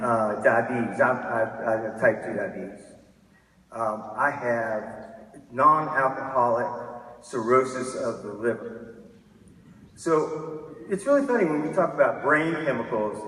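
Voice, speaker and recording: A man's voice: mid-range voice, far from the mic, slight background noise. Man in his fifties speaking in an echoey hall. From Texas. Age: 50s. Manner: candid and self-deprecating, with many restarts. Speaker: keynote speaker. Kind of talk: personal keynote talk.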